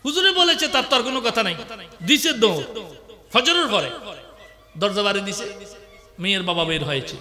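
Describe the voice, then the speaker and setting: A man from Bangladesh preaching an Islamic sermon, telling a story with animated bursts of laughter and shouting. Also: sits high, normal speed, pauses often, big-room sound.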